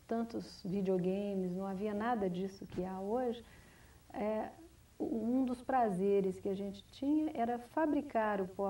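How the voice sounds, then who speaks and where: A woman writer, answering interview questions in a measured, reflective way, often restarting and adding "né?". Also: mid-range voice, dark tone. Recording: distant mic, 1990s TV studio recording.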